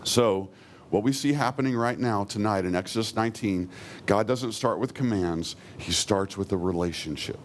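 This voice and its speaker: Male pastor, sermon delivery, low voice, earnest, faint rumble in the room. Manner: earnest preaching, slows and softens when quoting God.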